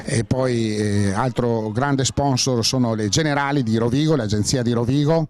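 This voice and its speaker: A man's voice: medium pitch, moderate pace, darkish tone. A man doing live play-by-play football commentary, hesitant with many fillers and rising sharply on chances.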